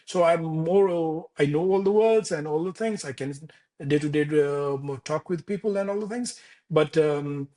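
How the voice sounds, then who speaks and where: Speaking fairly high and mellow, this architect from Nepal, a man in his thirties, is a guest on an interview set in Denmark. His Nepali accent comes through as he stops, restarts, and fills gaps in a casual, halting manner.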